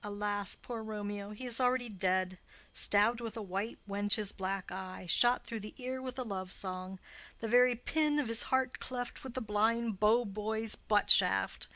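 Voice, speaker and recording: A sharp-tongued young nobleman full of puns and mockery, read by a woman. The delivery is teasing and theatrical, in a mid-pitched voice. It is recorded close and dry, with no room sound. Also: unhurried, dry recording. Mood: mocking. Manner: wordplay-heavy, teasing and theatrical. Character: witty, mocking young male nobleman. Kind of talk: audiobook play reading.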